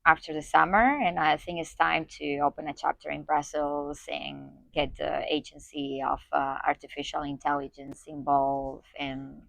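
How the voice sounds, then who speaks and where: Female guest, low register, hesitant conversational delivery, dry close recording. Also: little pitch movement, normal speed, vocal fry, few pauses, no echo. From Spain. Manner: hesitant, many fillers and restarts. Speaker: guest, community organizer. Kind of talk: conversational interview.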